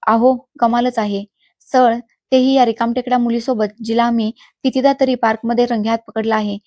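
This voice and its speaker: A woman's voice: fairly high pitch, little pitch movement, fairly quick, a little mellow, no room sound, clean studio sound, close to an everyday voice. A woman voicing a cruel, scornful middle-aged stepmother who speaks in harsh insults.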